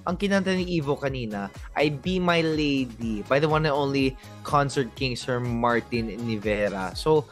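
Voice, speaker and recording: A Filipino co-host chatting playfully in a mix of Tagalog and English, now and then bursting into loud laughter. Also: mid-range voice, lively intonation, unhurried, faint music behind. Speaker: online show co-host. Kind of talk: lively chat mixing Tagalog and English.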